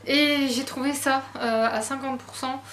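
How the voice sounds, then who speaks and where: A woman's voice: sits high, steady tone, unhurried, a bit bright, echoey room, slight background noise. A woman chatting casually about her latest book purchases, self-deprecating and full of fillers. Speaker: book vlogger. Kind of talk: casual book haul chat.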